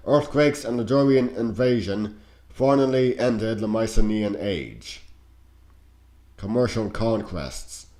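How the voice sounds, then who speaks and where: Slow-reading man with a stuffy nose. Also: medium pitch, a little mellow. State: sick with a cold. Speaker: narrator reading on-screen educational game text. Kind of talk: scripted narration, reading aloud.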